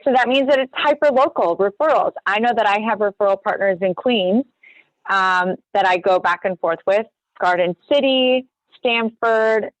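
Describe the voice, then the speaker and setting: A woman co-hosting an online real estate training, chatting casually as she walks through a screen-share tutorial with quick apologetic asides. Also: mid-range voice, no room sound. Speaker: real estate agent and co-host. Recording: dull, dry lo-fi video call.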